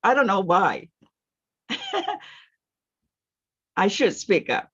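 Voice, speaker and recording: A woman in her sixties from Singapore speaking in a halting way on a video call, with many fillers and nervous giggles. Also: medium pitch, big pitch swings, a bit bright, breathy edge. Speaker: meeting participant. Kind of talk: casual testimony. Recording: muffled lo-fi call audio.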